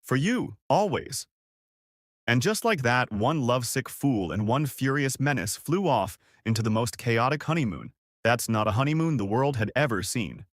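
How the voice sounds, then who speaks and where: A man narrating a romance story in an expressive, lively storybook style. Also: mid-range voice, moderate pace, dry recording, clean studio sound.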